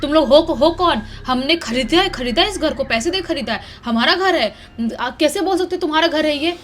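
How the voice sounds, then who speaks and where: A woman's voice: a little high, fairly even intonation, quick pace, slight background noise, lightly acted. A woman voicing a frightened mother confronting ghosts and begging her children to flee. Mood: scared, confronting. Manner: panicked, pleading. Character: frightened mother, panicking in a haunted house.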